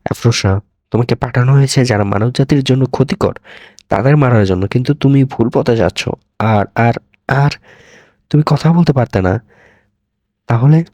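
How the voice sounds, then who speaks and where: A man's voice: medium pitch, normal speed, pauses often, a little mellow, no echo, natural voice. Brief: narrator as a scared male investigator in an audio story, urgent and pleading, dry close sound. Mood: shocked, angry. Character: frightened desperate male investigator.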